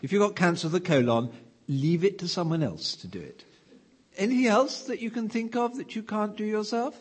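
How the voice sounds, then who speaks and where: A preacher delivers a conversational sermon, telling a story and putting questions to the room. His voice sits high and slightly rough, with lively intonation and a fairly quick pace.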